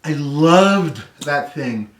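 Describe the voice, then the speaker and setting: A middle-aged man from California hosting a car show, telling casual stories with lively anecdotes and dry asides while seated on a living room floor. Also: fairly high pitch, drawn-out words. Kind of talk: casual storytelling chat. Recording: roomy echo, distant mic.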